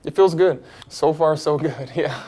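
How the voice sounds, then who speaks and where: A man in his thirties, raised in Texas, answering interview questions about his career and family in a relaxed, rambling way with many fillers. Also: fairly high pitch, a little slow, slight background noise. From United States (Texas). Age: 30s. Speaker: basketball player, interview guest.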